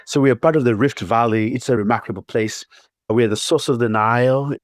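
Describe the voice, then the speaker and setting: Uganda-accented guy, chatty and cheeky, mid pitch, dry sound. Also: brisk, dry recording. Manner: playful, laughing often, expansive storyteller. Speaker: guest. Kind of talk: podcast interview.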